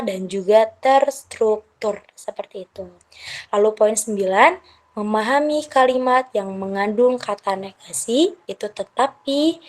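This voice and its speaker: A woman's voice: a little high, darkish tone. A woman teacher, methodically walking parents through a numbered checklist in a lecture.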